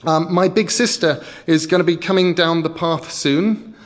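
A man's voice: a little high, long reverb tail, voice pushed up, natural voice. A man voicing a seven-year-old boy who pleads and bargains with a troll. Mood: pleading. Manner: pleading, quick-witted.

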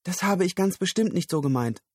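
A flustered young office woman gushes apologies in a raised, bright tone, as a male reader puts her on. The voice sits well above a man's usual range and comes across crisp and dry, like close-miked audiobook reading. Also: sits high, animated, brisk, no room sound, voice pushed up. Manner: gushing, apologetic.

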